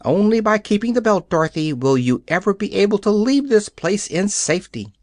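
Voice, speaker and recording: A man voicing an excitable female talking hen in a storybook, shrill and insistent. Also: a little fast, no room sound, clean studio sound. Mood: urgent.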